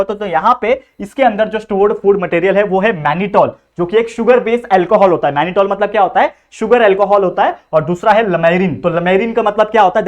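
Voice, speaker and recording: A man's voice: high-pitched, lo-fi sound. A young man teaching a biology lecture. He mixes English terms into his Hindi and asks questions that he answers himself. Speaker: biology tutor. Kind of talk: classroom lecture.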